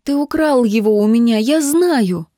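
A woman voicing a frightened, desperate young woman who pleads and breaks into shouts, in an audiobook reading. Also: on the high side, animated, a little slow, no echo, clean studio sound, voice pushed up. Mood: accusing.

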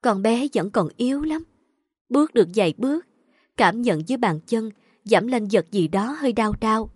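A woman narrating a dramatic story in a steady storytelling voice. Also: fairly high pitch, normal speed, breathy edge, no echo, clean studio sound.

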